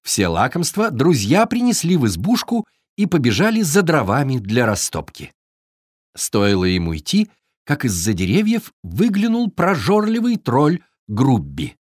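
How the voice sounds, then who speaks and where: A storyteller reading a children's fairy tale aloud in a very expressive, sing-song way. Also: medium pitch, a little slow, husky, dry recording, clean studio sound.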